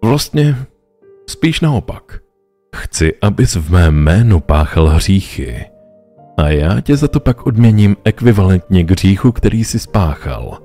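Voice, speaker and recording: Man doing a sly smug stranger, oily drawl, slow, bored, low voice, horror story, faint music behind. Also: big pitch swings, warm tone, exaggerated voice. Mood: bargaining. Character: sly, smug male stranger bargaining for sins.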